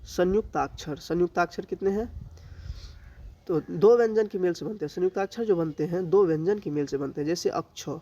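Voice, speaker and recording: Brief: Bihari-accented man teaching grammar, high voice, dull lo-fi sound. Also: dark tone. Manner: slow, drawn-out listing with rhetorical questions he answers himself. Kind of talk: exam-prep grammar lesson.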